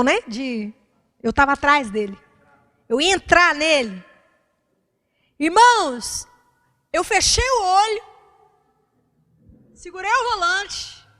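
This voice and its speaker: A woman's voice: very high voice, bright, forceful tone. A woman pastor, preaching a fervent sermon and calling out to the congregation.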